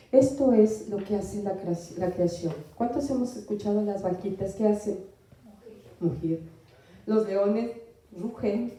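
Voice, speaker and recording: A woman's voice: medium pitch, warm tone. Female preacher with a strained throat, heard from afar in a very echoey hall. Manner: pausing often with fillers, asking the congregation questions. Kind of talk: sermon. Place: church hall. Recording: echoey hall, voice from far off the mic.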